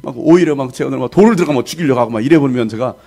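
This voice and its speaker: A middle-aged male pastor preaching a sermon, loud and given to shouting, acting out the voices of the people in his stories. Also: mid-range voice, rapid-fire.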